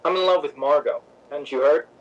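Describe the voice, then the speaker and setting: A man's voice: fairly high pitch, brisk, close to an everyday voice. Man playing a wry director, slightly dull sound. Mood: wry, rebuffing. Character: Bill Sampson, wry, candid, self-assured male stage director. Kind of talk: old-time radio drama acting.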